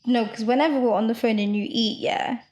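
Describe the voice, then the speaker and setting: A woman co-hosting a podcast, chatting casually and quick to protest in an exasperated way. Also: fairly high pitch, fairly even intonation, darkish tone. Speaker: podcast co-host. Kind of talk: casual chat.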